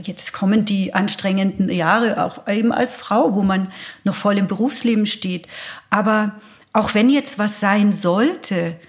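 A woman's voice: medium pitch, measured pace. A woman, telling a personal story as an interview guest and acting out the dialogue. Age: 60s. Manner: animated, acts out dialogue.

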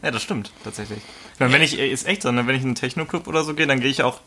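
Slangy young man, medium pitch. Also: rapid-fire, pushed and bright, a little hiss or hum. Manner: colloquial, slangy. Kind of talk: casual chat, telling anecdotes.

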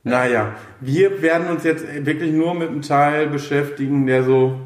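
A man hosting a podcast in a casual, halting way, thinking aloud as he chats. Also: a little high, fairly even intonation. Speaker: podcast host. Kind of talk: casual chat. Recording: roomy echo, faint background noise.

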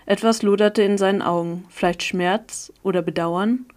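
A woman narrating a novel in the first person at a calm, even reading pace. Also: medium pitch, normal speed. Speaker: audiobook reader.

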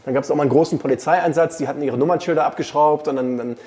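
A man's voice: a little high, rapid-fire, mellow. A man, a journalist and podcast co-host, telling long anecdotes in casual chat with many fillers.

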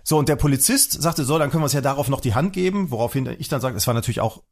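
A man telling a personal story in casual chat, animated, acting out the people he quotes. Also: medium pitch, rapid-fire.

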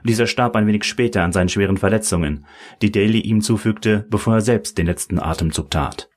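A dry, mocking old professor, as a man reads him in an audiobook, lecturing at an easy pace in a low, husky voice. He sounds unhurried and sardonic. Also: lightly acted. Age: older.

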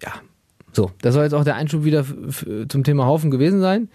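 A young man hosts a podcast, rambling in a loose monologue and amused by his own stories. He sounds tired, and his voice sits a little high. The sound is dry and close, with no room around it. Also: quick pace, dark tone, no room sound. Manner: chatty, rambling, self-amused, puts on silly baby-talk voices. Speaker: podcast host. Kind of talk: casual monologue.

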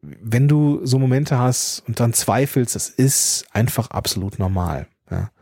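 A man's voice: medium pitch, expressive, measured pace, a little mellow, husky, no echo, clean studio sound. A German man in his thirties hosting a podcast, thinking aloud in a personal monologue, with restarts, fillers and a slight stutter on some consonants. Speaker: podcast host.

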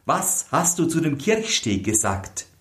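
A man's voice: on the high side, very animated, a little slow, a bit bright, voice pushed up. A man voicing an ugly, scheming young bride who scolds shrilly. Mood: haughty. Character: false bride, ugly young woman, scheming and short-tempered.

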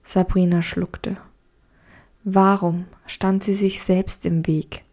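A young adult woman hosting a podcast, reading a short story and giving calm, gentle encouragement. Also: lowish voice, takes it slowly.

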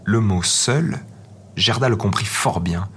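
A man narrating a fairy tale as a storybook reading, in a gentle, measured manner. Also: lowish voice, husky. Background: faint music.

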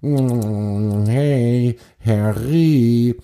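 A man's voice: mid-range voice, extremely slow, dark tone, clean tone, pitched above the performer's own voice. A man voicing a cheerful, hardworking male beaver in a children's story, easygoing and kindly.

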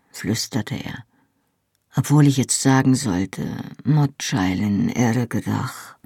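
A woman reading an audiobook, voicing a tender young Highland warrior who speaks low and hushed. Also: creaky, slightly rough, dry recording, studio quality, heavily acted. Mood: tender whisper.

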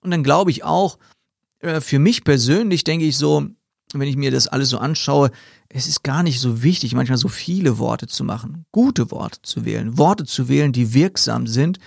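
A man's voice: medium pitch, vocal fry, a little mellow, slightly rough, no echo, studio quality. A man hosting a podcast, chatting casually about Bible verses and thinking aloud with fillers and repeated words. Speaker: podcast host.

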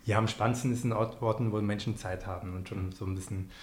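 Man, Swiss accent, low pitch, relaxed, filler-heavy storytelling, roomy echo. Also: quick pace. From Switzerland. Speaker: podcast guest, performance artist. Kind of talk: casual conversation.

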